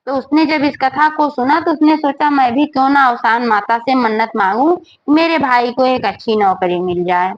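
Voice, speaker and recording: A woman with a high voice retells a devotional folk tale in a plain, homely way, with casual asides as she goes. The recording sounds dull and a little muffled. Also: moderate pace, hardly any pauses. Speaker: storyteller. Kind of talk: devotional folk story narration.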